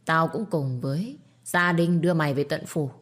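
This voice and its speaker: A woman's voice: sits low, normal speed. A woman voicing a domineering older matriarch of a wealthy household, speaking in a commanding, menacing way. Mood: threatening. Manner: menacing, commanding, later placating. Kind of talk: storytelling with acted dialogue.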